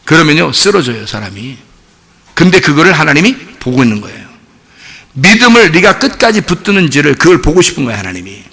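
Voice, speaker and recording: Bright, animated man preaching a sermon. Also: on the high side, a little fast. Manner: questions the congregation, swings from shouting to hushed. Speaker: pastor. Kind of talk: Sunday sermon.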